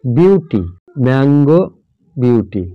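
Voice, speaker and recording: A man's voice: mid-range voice, animated, clear, resonant tone, no room sound, dull audio. Man teaching English grammar step by step. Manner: slow, sounds words out letter by letter; checks in often with "all right?". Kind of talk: explaining a grammar lesson.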